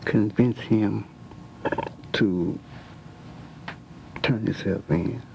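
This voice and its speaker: A man's voice: lowish voice, extremely slow, gravelly, warm tone, slight background noise, poor audio. A man, a preacher, giving brief plain answers in an interview.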